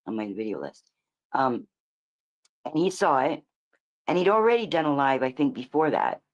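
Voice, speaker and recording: Woman streamer, lower register, rambling and profane reaction commentary. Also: a little mellow, muffled recording. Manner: rambling, restarts often, swears.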